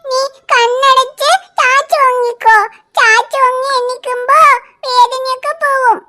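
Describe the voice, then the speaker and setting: Cartoon big sister, small girl, very high and bright childlike voice, earnest and soothing. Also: little pitch movement, measured pace, exaggerated voice. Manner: earnest, soothing toward her baby brother. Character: little girl, caring older sister. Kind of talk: cartoon voice acting.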